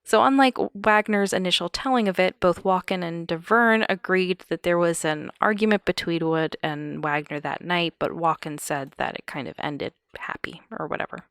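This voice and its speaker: A woman's voice: on the low side, normal speed, hardly any pauses, a bit bright, clear, resonant tone, dry recording, studio quality. A woman hosting a podcast, recounting a true-crime case with wry, chuckling asides. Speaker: podcast host.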